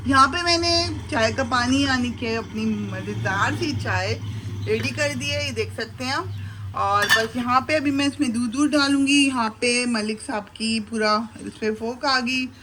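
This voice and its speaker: Against a noisy background, a woman with a fairly high pitch speaks at a measured pace. She's a middle-aged vlogger and mother narrating a casual cooking vlog as she makes breakfast in her home kitchen, chatting to viewers and warmly to her sons, all shot on a handheld camera.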